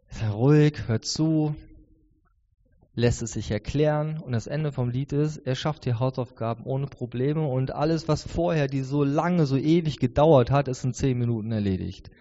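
A man's voice: medium pitch, normal speed, dark tone. A man in his thirties preaching a sermon in an earnest, conversational way, often restarting his sentences. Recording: dull sound with long hall reverb.

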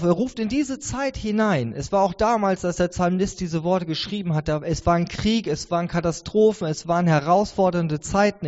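A man's voice: high-pitched, darkish tone. Earnest preacher man in a reverberant hall. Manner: earnest, conversational preaching with many restarts. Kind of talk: sermon. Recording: dull sound with long hall reverb.

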